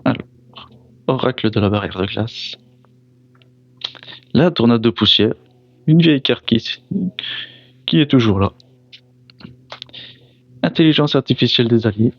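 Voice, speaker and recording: A man's voice: medium pitch, expressive, no echo, muffled recording. A man opening trading card packs, reading each card name aloud and reacting briefly. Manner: reads card names one by one, pausing to react; apologizes for mispronouncing foreign names. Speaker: card pack opener. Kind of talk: casual card opening commentary.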